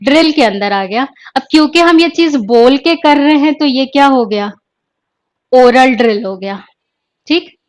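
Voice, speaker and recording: Woman teacher, high voice, live online lesson, asks and answers her own questions, English terms mixed in. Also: expressive, unhurried. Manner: explains step by step, asks questions and answers them herself.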